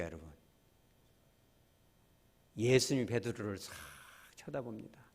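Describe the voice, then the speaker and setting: A medium-pitched pastor preaches a sermon with animation, acting out quotes and frequently speaking directly to the congregation.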